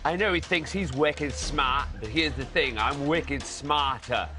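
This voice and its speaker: A man's voice: fairly high pitch, a little slow, close to an everyday voice. An actor playing a cocky Boston man in a comedy sketch, with a thick Boston accent and music under the voice. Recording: clip with music behind.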